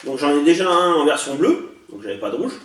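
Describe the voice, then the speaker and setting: A man casually showing off a haul of toy blasters, chatty and hesitant, often pausing and correcting himself. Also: a little high, sing-song, a bit bright, distant mic. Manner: chatty, hesitant, many fillers and self-corrections. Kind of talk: casual unboxing vlog. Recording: echoey room, voice off-mic.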